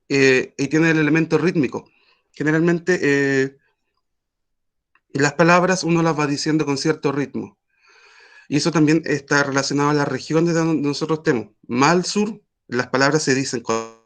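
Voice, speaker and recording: A man teaching an online language class, explaining patiently with frequent pauses and fillers. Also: a little high, a bit bright.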